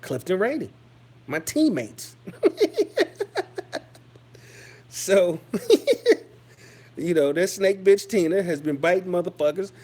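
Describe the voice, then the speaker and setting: A man's voice: high-pitched, expressive, moderate pace, darkish tone. A man delivering a heated, mocking, profane rant as a vlogger, often stumbling and repeating phrases. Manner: heated, mocking, swears constantly; stammering restarts and repeated phrases. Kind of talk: profane ranting commentary.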